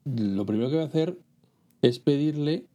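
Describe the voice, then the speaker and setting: A man's voice: fairly high pitch, normal speed, dark tone. A man co-hosting a casual podcast, reading out a listener's email with joking, self-mocking asides. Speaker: podcast co-host.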